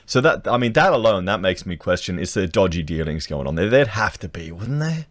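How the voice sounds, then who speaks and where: A man's voice: sits low, sing-song, a little fast, dry recording. An Australian man, a vlogger, reading news items aloud and breaking off into indignant commentary with slang and rhetorical questions. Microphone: podcast microphone.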